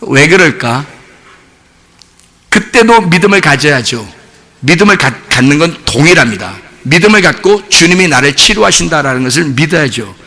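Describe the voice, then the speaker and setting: A man preaching in church, with a high and very lively voice that leaps around as he fires questions at the congregation. His tone is intensely bright and forceful, and now and then he rises to a shout. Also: moderate pace. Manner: animated, rhetorical questions to the congregation, bursts of shouting. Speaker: pastor. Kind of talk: sermon.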